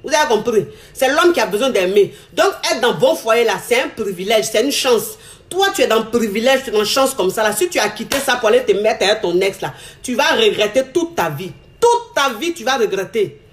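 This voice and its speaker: A woman's voice: fairly high pitch, lively intonation, a little fast. A woman giving an emphatic, scolding advice monologue to other women, repeating herself and firing off rhetorical questions.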